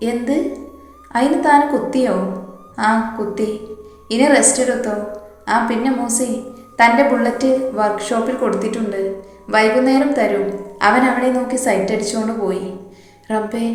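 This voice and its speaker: A woman narrating a romantic story and reading every character's lines in her own voice. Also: fairly high pitch. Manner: reads all parts in her own voice. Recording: echoey room with long reverb.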